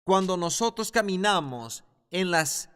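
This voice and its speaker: A man's voice: high voice, expressive, measured pace, fairly bright tone, smooth. A man teaching a Bible class in a sermon style, emphatic and repeating his key phrases. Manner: emphatic, repeats phrases, rising when stressing points. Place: church or classroom hall. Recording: echoey hall reverb.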